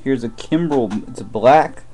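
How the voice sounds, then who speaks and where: During a live card break in a room with boxes on a desk, the host quietly narrates each pack he opens. He speaks unhurriedly in a medium-pitched, slightly mellow voice, with soft background music and faint wrapper crinkling.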